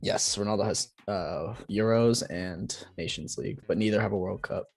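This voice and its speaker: A man co-hosting a live stream, trading relaxed, casual banter with short replies. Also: fairly low pitch, moderate pace, creaky, faint music behind.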